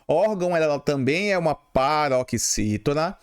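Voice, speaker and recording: A man's voice: fairly high pitch, animated, a little slow, smooth. A man with a Brazilian Portuguese accent teaching grammar for public exams, who explains patiently, repeats key terms and often checks in with "tá bom?". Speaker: exam prep teacher.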